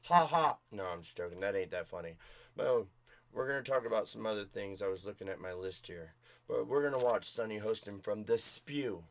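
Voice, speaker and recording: A man's voice: lowish voice, a little fast, gravelly. A man hosting a casual political commentary vlog, rambling with many fillers and restarts.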